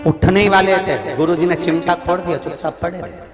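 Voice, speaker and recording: A man's voice: a little high, fairly quick. A man preaching a sermon to an audience, telling a story dramatically and breaking into song. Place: large hall, audience. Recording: echoey hall with music.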